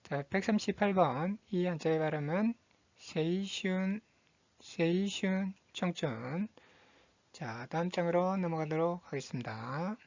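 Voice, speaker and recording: A woman teaching Japanese vocabulary, reading each word slowly and repeating it twice in a patient, methodical drill. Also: deep voice, expressive, a little mellow, no echo, lo-fi sound. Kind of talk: slow, deliberate vocabulary drill.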